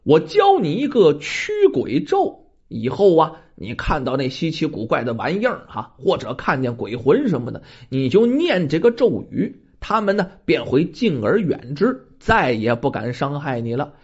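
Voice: mid-range voice, wildly swooping pitch, normal speed, darkish tone, breathy edge, muffled recording, voice pushed down, full character voice. A storyteller voicing a cheerful, reassuring old uncle in a folk tale.

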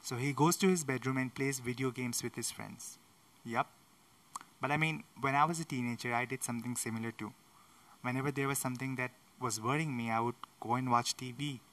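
A man's voice: mid-range voice, fairly even intonation, a little fast, a bit bright. A tired young man casually recapping a book chapter late at night, rambling and correcting himself with chatty asides. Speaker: book summary host. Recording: voice a bit far from mic.

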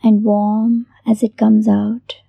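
Soft, breathy woman slowly guiding meditation. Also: medium pitch, completely flat delivery, no echo, phone-quality sound. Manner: soft, breathy, soothing near-whisper delivery; gentle, unhurried instruction with long pauses. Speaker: meditation host. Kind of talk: guided meditation narration.

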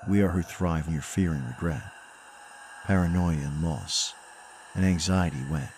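Man as a low, solemn creature of the night. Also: a little slow, a little mellow, slight background noise. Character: proud, fearless pale night walker, eerie creature. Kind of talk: spooky poetry recital in rhyme.

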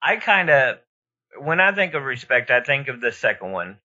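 A man's voice: mid-range voice, big pitch swings, normal speed, pushed and bright. A man co-hosting a podcast in casual, informal chat, rambling and thinking aloud as he gives his opinions. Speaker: podcast co-host. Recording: dull lo-fi audio.

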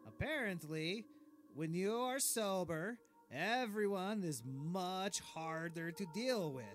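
A man voicing a vain, oblivious, cruel dictator king, reading his diary in a deadpan, pompous, clueless way. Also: high-pitched, slow, faint music behind. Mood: smug, deadpan. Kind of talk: comedic diary narration.

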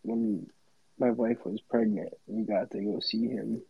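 Brief: gravelly, husky twenties guy, blunt, provocative podcast co-host, muffled lo-fi mic. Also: on the low side, little pitch movement, measured pace, no echo. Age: 20s. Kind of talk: casual podcast chat.

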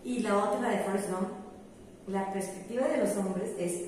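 A woman's voice: mid-range voice, normal speed, darkish tone. A young woman with a Mexican accent, talking in a chatty, reflective way in casual conversation. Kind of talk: casual chat. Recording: roomy echo, far from mic, faint noise.

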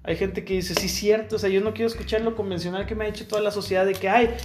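Mexican co-host in casual chat, earnest and slangy, mid pitch, light music behind. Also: fairly even intonation, rapid-fire. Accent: Mexican Spanish. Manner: earnest, explanatory, laughs often, slangy.

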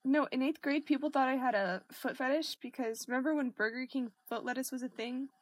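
A woman's voice: sits high, a little fast, dry recording. A young woman co-hosting a casual chat among friends.

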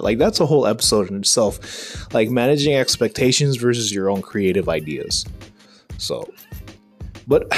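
Rambling man on a writing podcast. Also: mid-range voice. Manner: rambling, many fillers and restarts. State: has the hiccups. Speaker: podcast host. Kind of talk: casual solo podcast about writing.

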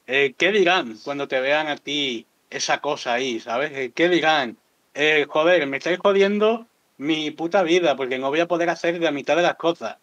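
A man's voice: on the high side, a bit bright, no room sound. Frank man telling stories. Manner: candid, vulgar, laughs at his own stories. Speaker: podcast guest. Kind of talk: casual storytelling chat. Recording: dull lo-fi dry sound.

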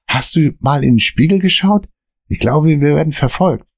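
A man voicing a frantic, high-strung young waiter who swears when scared, in a read-aloud story. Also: normal speed, no room sound, clean studio sound. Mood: worried. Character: panicky young male waiter friend.

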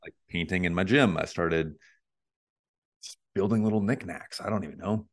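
A man in his thirties co-hosting a podcast, chatting casually in a relaxed, rambling way. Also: sits low, normal speed. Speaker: podcast co-host. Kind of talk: casual chat.

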